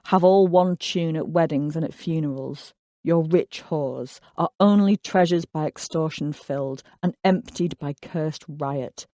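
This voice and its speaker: Narrator doing a scornful churchman, slow, hushed, dry studio read. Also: medium pitch, no room sound, natural voice. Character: scornful churchman lecturing on sinful women. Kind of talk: dramatic reading of a play quote.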